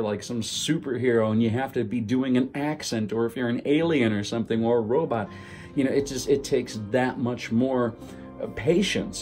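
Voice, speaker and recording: Mellow-voiced man chatting over guitar music. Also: medium pitch. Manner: rambling, conversational, emphatic. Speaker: amateur voice actor. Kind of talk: casual monologue on voice acting.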